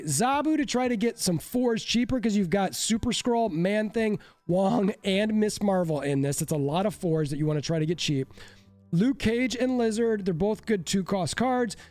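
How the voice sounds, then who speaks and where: With faint music behind him and no room sound, this man's high, animated voice comes across a little mellow at a normal speed. He's a card game content creator stuffed up from a cold, chatting casually and somewhat self-deprecatingly through a deck breakdown.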